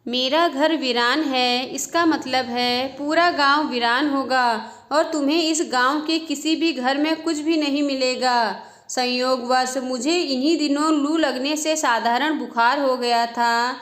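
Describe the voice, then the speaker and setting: A woman's voice: sits high, fairly even intonation, measured pace, fairly bright tone. A woman voicing a frail old village man, abandoned by his family, pleading and lamenting in a storybook reading.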